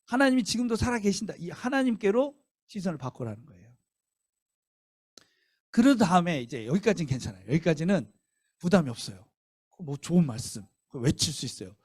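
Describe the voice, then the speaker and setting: Brief: a missionary preacher in a church, animated storyteller firing questions at the congregation. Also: male voice, high voice, brisk, breathy edge, no echo, clean studio sound. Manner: lively storytelling, rhetorical questions. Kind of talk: revival sermon. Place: church sanctuary.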